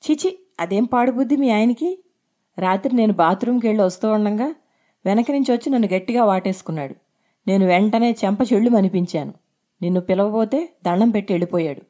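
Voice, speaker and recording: A woman's voice: mid-range voice, a little fast, mellow, lightly acted. A woman voicing an indignant young woman friend who is a student.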